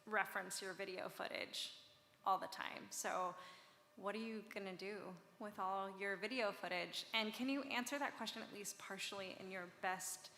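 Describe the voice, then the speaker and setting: A woman's voice: medium pitch, steady tone, moderate pace, pushed and bright. A woman in the audience asking the author a question, casual and slightly hesitant. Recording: roomy hall with faint room noise.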